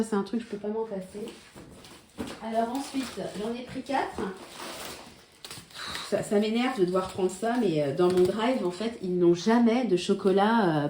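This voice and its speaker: A woman chats to her viewers in a casual vlog, wandering through asides and hesitations. Her medium-pitched voice rings in an echoey room with a light background hiss. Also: moderate pace, dark tone. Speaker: vlogger showing her grocery haul. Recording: echoey room with faint noise.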